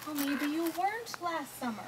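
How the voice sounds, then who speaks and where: A woman's voice: sits high, very animated, moderate pace. A woman playing an anxious teenage girl babysitter, confiding in the audience and calling out to the children she watches. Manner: confiding, breathless, and calls out loudly to children. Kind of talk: stage play with monologue to the audience. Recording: loud background noise.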